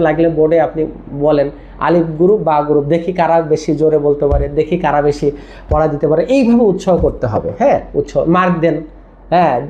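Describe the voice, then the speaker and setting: A Quran teacher, giving a tajweed lesson. The teacher spells words out letter by letter and then drills them slowly. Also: medium pitch, mellow. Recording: dull lo-fi recording.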